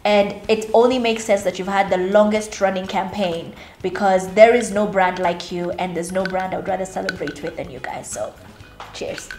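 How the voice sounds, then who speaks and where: A woman's voice: mid-range voice, steady tone, normal speed, very noisy. A woman in her thirties talking candidly to camera about her career, chatty and at times close to tears. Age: 30s. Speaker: media personality and vlogger. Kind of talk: emotional reflective talk to camera. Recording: roomy echo with faint music.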